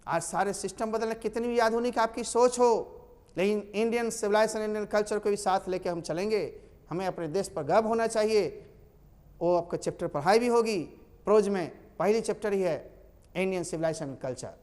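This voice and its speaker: A man from Bihar, India, teaches a classroom lesson on silent letters in English, speaking in a high voice at normal speed. He's animated, spelling words out letter by letter, repeating himself and correcting himself often. The recording carries a long hall reverb.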